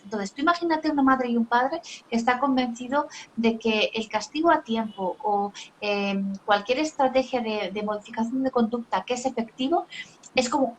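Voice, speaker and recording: Didactic woman, slightly high voice. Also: slight background noise. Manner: didactic, uses examples and acted quotes. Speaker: parenting author and educator. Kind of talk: explanatory talk in a live video chat. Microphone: video call.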